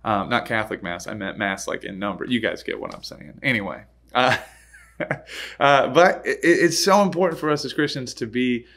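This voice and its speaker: A man's voice: mid-range voice, normal speed, fairly bright tone. Casual man teaching a Bible study. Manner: conversational, with frequent "uh" fillers and self-corrections; reads scripture aloud, then explains it informally.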